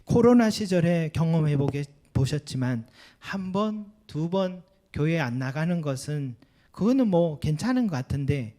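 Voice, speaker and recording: Mellow-voiced man preaching a sermon. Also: expressive, normal speed. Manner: earnest preaching with rising emphatic peaks and soft low endings; acts out quoted complaints and Bible lines. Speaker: pastor.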